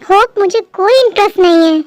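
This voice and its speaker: A high-voiced performer voicing a proud, stubborn, lovesick elder sister in a fan dub drama, speaking sharply and dismissively. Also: female voice, fairly quick, darkish tone, dry recording. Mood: firm.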